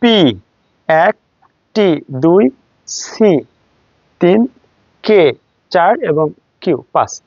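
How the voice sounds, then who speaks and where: A man's voice: high-pitched, very slow, long pauses, darkish tone, no room sound. A man with a Bangladeshi accent teaching English pronunciation, drilling words aloud and contrasting wrong and right forms. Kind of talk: classroom-style lesson. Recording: dry, slightly muffled recording.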